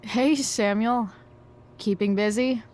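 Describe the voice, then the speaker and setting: Unhurried, sardonic teenage girl. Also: on the high side, steady tone, a little mellow. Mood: casual, awkward. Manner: casual, dry, sardonic. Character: sarcastic rebellious teenage girl. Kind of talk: video game voice acting.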